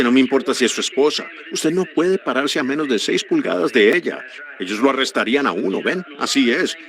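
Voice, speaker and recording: A man preaching a sermon, earnest and animated, breaking into sudden high exclamations. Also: gravelly.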